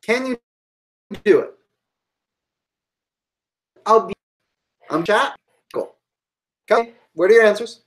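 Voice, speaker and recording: A woman's voice: mid-range voice, lively intonation, slow pace, pauses often, low-quality recording. A woman giving a live-streamed history lecture to online students, thinking aloud with fillers and asides.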